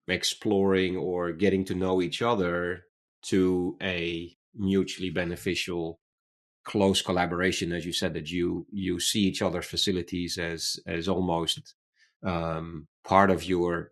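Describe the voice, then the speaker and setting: A man's voice: deep voice, flat delivery, measured pace. A man hosting an interview, asking long, searching questions that he rephrases as he goes. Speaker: interviewer, host. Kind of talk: conversational interview.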